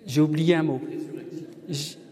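A man with a fairly high voice leads a parish evening in a hall with a long, ringing reverb. He talks slowly and deliberately, with a gently humorous touch. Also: fairly even intonation. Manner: slow, measured and gently humorous. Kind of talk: leading a parish discussion evening. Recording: long hall reverb, distant room mic.

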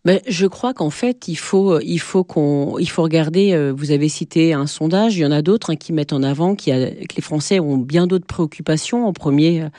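Mellow woman arguing haltingly in debate. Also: sits low, dry recording, clean studio sound. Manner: halting, repeats words while arguing. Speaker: local politician, debate guest. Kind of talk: political debate argument.

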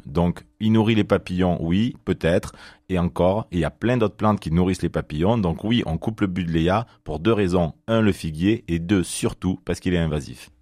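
A man's voice: low voice, no room sound, studio quality. A man with a Perpignan accent, a gardening expert giving chatty advice on a radio phone-in, with lots of fillers. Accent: Perpignan French. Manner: lively, chatty, many fillers. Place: radio studio.

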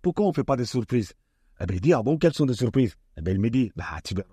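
A man being interviewed on the radio about an event he organizes, speaking hesitantly with many pauses. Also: medium pitch, very animated, dark tone, breathy edge. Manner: hesitant, many fillers and restarts.

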